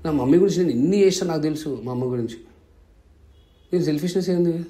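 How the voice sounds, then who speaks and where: A man's voice: on the high side, quick pace, warm tone. A man, a family vlogger answering viewers' comments in an impassioned, defensive way, full of rhetorical questions.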